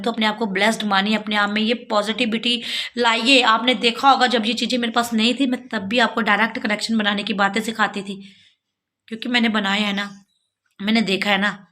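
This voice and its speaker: A woman's voice: mid-range voice, sharp tone. A middle-aged woman from Jammu with a sore throat, talking earnestly to her viewers in a casual devotional vlog, pleading and explaining. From Jammu, India. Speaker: devotional vlogger.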